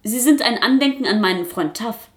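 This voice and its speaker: Woman doing a chatty, boastful Kasper puppet. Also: on the high side. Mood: insistent. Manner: quick, excited, insistent chatter. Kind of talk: storybook reading.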